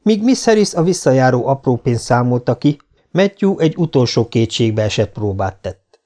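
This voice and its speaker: A man narrating a novel as an audiobook, in a measured storytelling manner. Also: mid-range voice, very animated, a little mellow.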